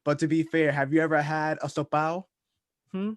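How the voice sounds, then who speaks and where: A man's voice: a little high, fairly even intonation, moderate pace, dry recording. Enthusiastic man hosting an interview. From Dominican Republic. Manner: enthusiastic, friendly, with frequent restarts. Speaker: podcast host. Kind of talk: casual interview chat.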